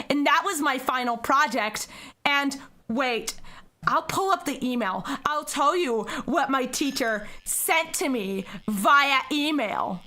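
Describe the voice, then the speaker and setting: A young woman chats with her stream audience in a high, bright voice. She talks at an unhurried pace and addresses her viewers directly. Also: a little hiss or hum. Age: young adult. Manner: chatty, talks to chat directly, bursts into excited squeals. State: tearful with joy. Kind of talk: casual livestream chat.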